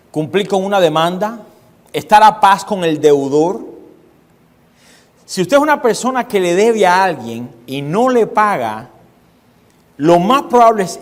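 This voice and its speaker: Emphatic male preacher in a reverberant hall. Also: high voice. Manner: emphatic preaching with rhetorical questions to the congregation; repeats phrases for emphasis. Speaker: pastor. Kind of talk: sermon.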